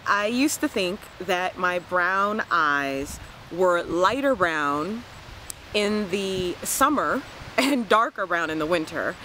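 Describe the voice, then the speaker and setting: A woman's voice: on the low side, a little hiss or hum, low-quality recording. A woman in her forties from the Washington, D.C. area, chatting playfully to camera outdoors and laughing often. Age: 40s. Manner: playful, laughs often, lively self-mocking asides. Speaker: vlogger. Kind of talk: casual chat to camera. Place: outdoors on a lawn by trees. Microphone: camera mic at close range.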